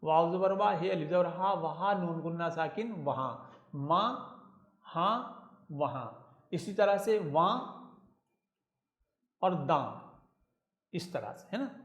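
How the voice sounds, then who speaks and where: A man's voice: a little high, slow pace, long pauses, roomy sound. A man teaching Urdu script, patiently spelling words out letter by letter. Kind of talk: slow spelling lesson.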